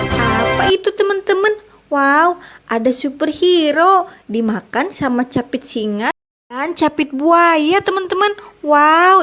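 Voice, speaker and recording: A woman with a very high voice hosts for small children at an unhurried, stretched-out pace. She is playful and full of exclamations, in the manner of a kids' party magician. She speaks straight to her young viewers as friends. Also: a bit bright, slight background noise. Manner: addresses young viewers as friends, frequent wows. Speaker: children's toy video host.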